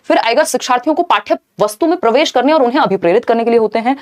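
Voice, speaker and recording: A woman teaching a live online exam-prep lesson, explaining answers briskly and answering viewers in the chat. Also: fairly high pitch, animated.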